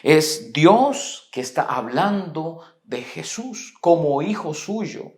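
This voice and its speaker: Un pastor colombiano predica un sermón con acento colombiano, con calma, haciendo preguntas retóricas y leyendo las Escrituras en voz alta. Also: male voice, fairly high pitch. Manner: measured preaching with rhetorical questions, reads scripture aloud. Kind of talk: sermon. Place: church. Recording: echoey church hall.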